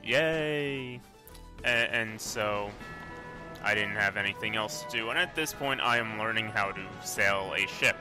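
A man's voice: lowish voice, steady tone, normal speed, over music. A man casually commenting on his own gameplay, rambling and correcting himself as he goes. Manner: rambling, self-correcting, offhand. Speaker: let's play commentator.

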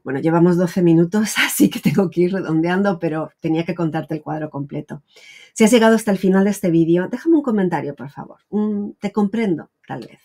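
A woman around forty speaks in a slightly low, mellow voice. She talks straight to the viewer in an earnest, explanatory vlog style, as the host of her own channel. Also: animated, fairly quick. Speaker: YouTube channel host, wellness educator. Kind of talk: direct-to-camera explanatory vlog talk. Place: small wood-panelled home office, indoors.

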